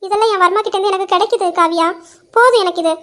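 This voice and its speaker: A young woman with an extremely high, light voice tells a dramatized story. She speaks softly and earnestly, and sounds protective. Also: racing. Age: young adult. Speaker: narrator voicing a young wife.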